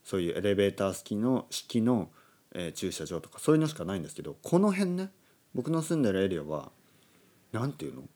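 A man from Oita, Japan, hosting a relaxed solo talk for learners, explaining slowly and glossing words in English. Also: fairly low pitch. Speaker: podcast host. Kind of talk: casual monologue for Japanese learners. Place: indoors at a table.

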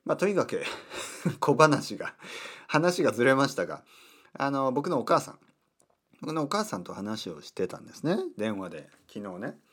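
A man hosting a casual solo talk, speaking slowly in simple words and stopping to explain terms, with chatty asides. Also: medium pitch, sing-song, a bit bright, slightly rough. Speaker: podcast host.

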